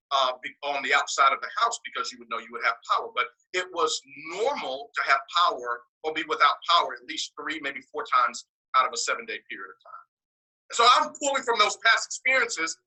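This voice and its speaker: A man's voice: fairly high pitch, bright, forceful tone, low-quality recording. A man born in the US and raised partly in Nigeria, preaching to a congregation in an emphatic way, repeating key words and making joking asides. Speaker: speaker giving a morning message.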